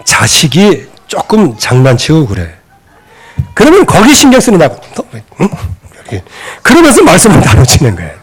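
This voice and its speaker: A man preaching a sermon as pastor in a church, animated and acting out quoted scolding voices. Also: on the high side, normal speed, slightly rough. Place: church sanctuary.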